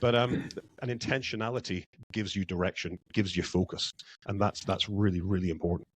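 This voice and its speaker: Low-voiced man, dry close sound. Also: fairly even intonation, fairly quick, slightly rough, no echo. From Scotland. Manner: reflective, repeats words as he thinks. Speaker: guest, culture consultant. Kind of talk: podcast interview.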